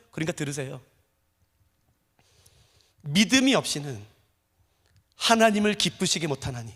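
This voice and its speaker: A middle-aged man preaching a sermon as pastor, telling stories with animated swings from hushed to loud. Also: sits high. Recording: long reverb of a large church hall.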